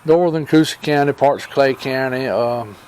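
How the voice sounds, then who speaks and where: Speaking at medium pitch in a slightly mellow voice, a Southern homesteading host from rural Alabama spins folksy, rambling fireside stories about his life, pausing often and quoting who said what. A little hiss or hum sits under the recording.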